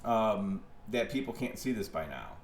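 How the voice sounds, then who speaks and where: A man's voice: sing-song, normal speed, slight background noise. Profane ranting man in an echoey room. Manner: profane, ranting, swings from low muttering to loud outbursts; restarts and repeats words often. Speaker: podcast host. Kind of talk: impassioned political monologue.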